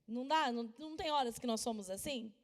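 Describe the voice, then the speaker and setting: A woman pastor from Brazil preaching a sermon and telling a personal story with emphatic, lively delivery, at times dropping to a soft voice. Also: fairly high pitch, fast. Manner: animated, emphatic storytelling, drops to soft voice for quotes. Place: church. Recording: long reverb of a church hall.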